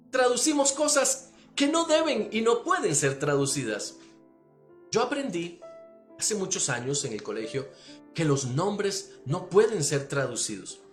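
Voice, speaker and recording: A man from Costa Rica with a Costa Rican Spanish accent, a pastor giving a teaching sermon and often checking that listeners follow. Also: on the high side. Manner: animated, asks listeners if they follow.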